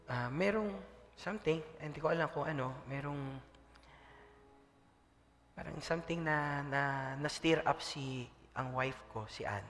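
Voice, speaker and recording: A male pastor delivers a lively sermon in a fairly high voice. He mixes in English phrases and keeps checking in with the congregation. His voice rings out with a long reverb, as in a large hall. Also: measured pace, pauses often, a little hiss or hum. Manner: lively preaching, mixing in English, often asking the room "Amen?".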